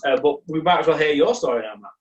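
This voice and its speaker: A man's voice: fairly high pitch, lively intonation, fast talker, distant mic, dull audio. Young male podcast co-host, rambling and self-mocking, voice well off the mic in an echoey room. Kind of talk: casual chat, storytelling.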